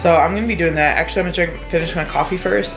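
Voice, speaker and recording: A young woman with a fairly low voice talks rapid-fire through a casual vlog about her weekend as a single mom, though she is tired and yawning. She rambles chattily and adds small self-deprecating laughs, and music runs underneath.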